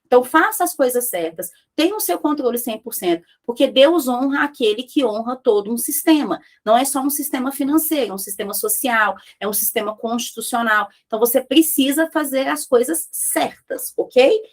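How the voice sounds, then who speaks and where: A woman gives a business lesson in a high voice. She is lively and talks straight to her audience. Now and then she acts out short office dialogues. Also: a little fast, hardly any pauses. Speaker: business mentor.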